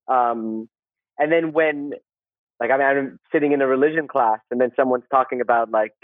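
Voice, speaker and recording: Male interview guest, conversational and halting with repeated phrases, close dry sound with limited bandwidth. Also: medium pitch, dry recording, narrow, tinny audio. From Saudi Arabia. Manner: rambling, halting, repeats words and phrases, often tags "right?". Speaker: podcast guest, social worker. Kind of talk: casual interview, personal storytelling.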